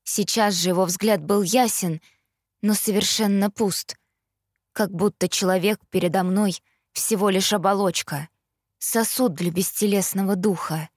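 A woman's voice: medium pitch, unhurried, dry recording, clean studio sound. A woman narrating a first-person novel, reading steadily as an audiobook narrator. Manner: steady storytelling read.

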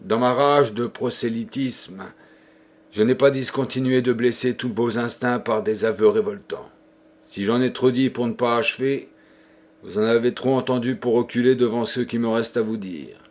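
A man reading an audiobook, voicing a brooding, guilt-ridden man who gravely confesses a crime. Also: medium pitch, steady tone, moderate pace, close to an everyday voice. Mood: somber. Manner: somber, grave.

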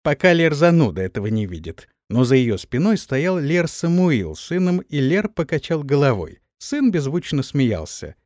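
A man narrating a fantasy audiobook in a measured, expressive reading. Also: a little high, no room sound, clean studio sound.

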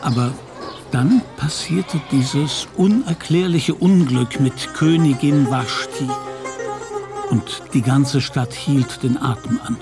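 An actor playing a thoughtful royal scribe who narrates a children's radio play in measured storytelling. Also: male voice, mid-range voice.

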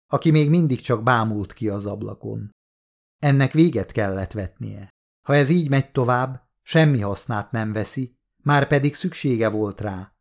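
A man reading a horror novel aloud as an audiobook narrator, steady and measured. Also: mid-range voice.

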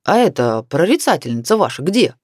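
A woman's voice: sits low, big pitch swings, brisk, darkish tone, no room sound, clean studio sound. A woman voicing an impatient male bus driver who talks in curt, grumbling lines. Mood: gruff. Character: gruff middle-aged male bus driver.

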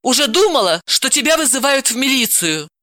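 A woman voicing a hot-tempered young woman who scolds and snaps in a high, indignant voice, in a storybook reading. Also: big pitch swings, brisk, bright, forceful tone, dry recording, clean studio sound, heavily acted. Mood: scolding.

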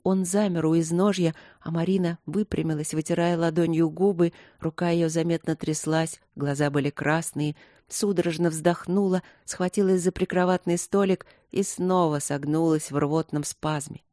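A woman reading scripted audiobook narration in a measured, even way. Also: fairly low pitch, dry recording, clean studio sound.

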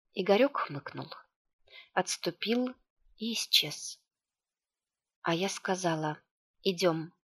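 A woman reading an audiobook aloud, with a hushed, tense delivery and light character voicing. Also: on the low side. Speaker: audiobook narrator.

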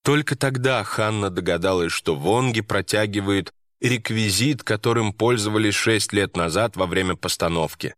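A male narrator reads a story aloud, steady and measured. His voice sits on the low side, and the recording is dry and close. Nothing else can be heard around him. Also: no room sound. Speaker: audiobook narrator. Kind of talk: scripted narration.

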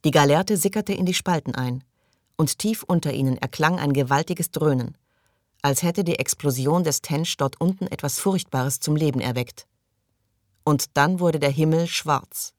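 A man narrating a science-fiction audiobook in a measured reading style, dropping quieter at tense moments. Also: on the high side, no room sound, studio quality. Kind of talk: scripted narration.

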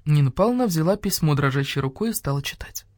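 Woman reading an animated children's audiobook. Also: deep voice, fast, dry recording, studio quality. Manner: expressive, animated. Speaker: audiobook narrator.

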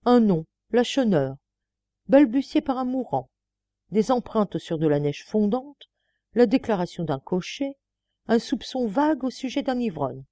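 A woman's voice: a little high, sing-song, unhurried, dark tone, no room sound, voice pushed up. A woman reading the part of a defiant, ironic male murder suspect under questioning. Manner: mocking, then indignant pleading.

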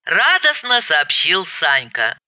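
A woman's voice: on the low side, huge pitch swings, slow, pushed and bright, no echo, highs cut off. A woman narrating a first-person story aloud, expressively acting out the dialogue.

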